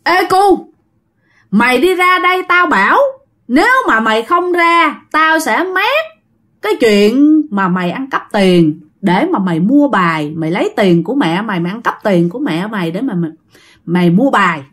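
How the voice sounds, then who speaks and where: A woman's voice: a little high, expressive, moderate pace, a bit bright. A woman voicing a taunting young male ghost who threatens and bullies a child. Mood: threatening. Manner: crude, bullying, threatening.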